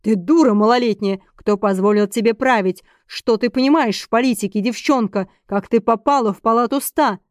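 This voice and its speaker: A woman's voice: medium pitch, normal speed, a little mellow, no echo, close to an everyday voice. Bossy furious duke ranting, woman doing the voice, dead dry room. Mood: raging. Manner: bellowing, bullying tirades. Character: powerful middle-aged duke, furious and domineering.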